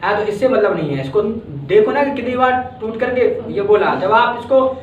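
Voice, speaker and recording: A man from India with a fairly high voice teaches a classroom grammar lesson. He patiently repeats each word and sounds it out syllable by syllable. The voice is picked up from a distance in a very echoey room and sounds dull and lo-fi. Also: expressive, moderate pace, slight background noise. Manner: patient, repeats words and breaks them into syllables. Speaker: English teacher. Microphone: far from the mic.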